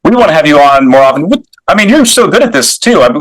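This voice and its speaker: A man's voice: a little high, very animated, quick pace, poor audio. A man hosting a studio interview show, talking with enthusiastic, effusive praise. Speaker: show host.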